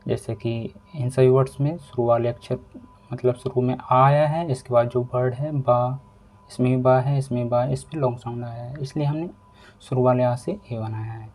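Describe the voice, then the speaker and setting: A man teaching a pronunciation lesson, explaining rules slowly and repeating each step. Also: medium pitch, steady tone, a little mellow. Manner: slow, repetitive explaining. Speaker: English teacher.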